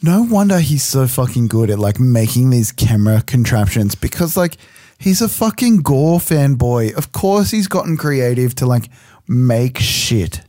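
A man's voice: medium pitch, very animated, measured pace, warm tone, no room sound, studio quality. A man co-hosting a podcast, chatting casually about a film, rambling with lots of fillers and swearing. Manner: rambling, swears, many likes and uhs. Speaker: podcast co-host. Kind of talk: casual movie-review chat.

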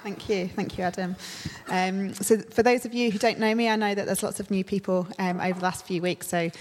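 A church leader preaches a sermon to her congregation in a relaxed, conversational style, pausing on small fillers. Her mid-range voice is slightly croaky from a cold, ringing with long reverb off the church hall walls, with slight background noise.

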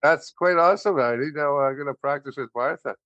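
A man hosting a podcast interview, speaking in a halting way with fillers and restarts. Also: a little high, fairly bright tone, no room sound. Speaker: podcast host. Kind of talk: casual interview chat. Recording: dull lo-fi podcast audio.

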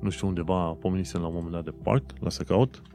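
A man hosting a casual solo podcast, explaining how words are pronounced and repeating them slowly to demonstrate. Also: low-pitched, steady tone, dark tone. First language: Romanian. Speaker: podcast host.

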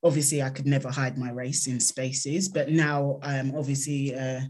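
A woman with a South London accent answering interview questions in an earnest, measured, conversational way. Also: very deep voice, level tone, a little mellow. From South London, England. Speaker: interview guest, consultant.

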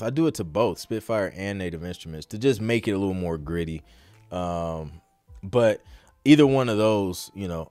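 Low-pitched and slightly mellow, with no echo, this man is a podcast host and music producer answering questions about music production on a casual livestream. His delivery is loose, slangy and conversational.

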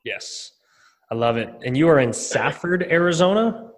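A man's voice: a little high, animated, normal speed. A man hosting a casual interview in an informal, agreeable way, often affirming his guest. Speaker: interview host.

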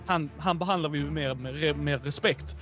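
A man's voice: a little high, faint music behind. En man som berättar som spelledare i ett rollspel, livligt och vardagligt med mycket utfyllnadsord. Rösten är ganska ljus för en man, och svag musik hörs i bakgrunden. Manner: animated, many fillers. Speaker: game master. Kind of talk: casual role-play narration.

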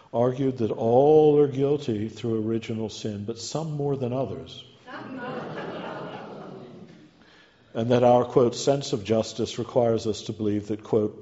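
A man's voice: medium pitch, mellow. A man delivering a scholarly lecture from a prepared text, with erudite, ornate phrasing and an emphatic, rhetorical delivery. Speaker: guest lecturer giving a talk. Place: large reverberant hall. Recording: muffled, reverberant hall recording.

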